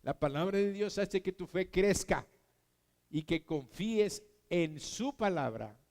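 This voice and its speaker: A Mexican-accented male preacher delivers his sermon slowly and deliberately. His voice sits very high, and he presses his points home by repeating them earnestly. It rings out with a long hall reverb. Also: animated, darkish tone. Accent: Mexican Spanish. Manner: earnest, emphatic, repetitive.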